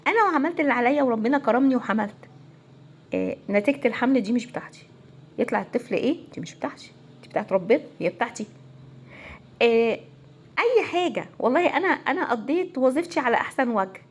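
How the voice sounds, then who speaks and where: Lively high-voiced Egyptian woman counselor. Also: quick pace, husky. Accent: Egyptian Arabic. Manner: animated, conversational, acts out quoted voices. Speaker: family counselor. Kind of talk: casual lecture to viewers.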